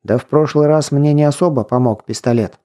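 A man's voice: mid-range voice, fairly quick, dark tone, close to an everyday voice. A man reading an audiobook, voicing a wary, prickly young rich man who answers curtly. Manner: defensive, curt. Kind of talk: audiobook dialogue.

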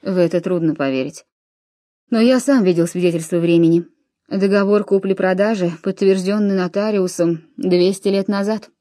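A grave, world-weary Roman commander in his late forties, read by a woman in a storybook reading, his words dropping low and heavy. The voice is mellow and dark, set close and dry with no room around it. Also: moderate pace, no echo, lightly acted. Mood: awed. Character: aging weary Roman commander, man of forty-seven.

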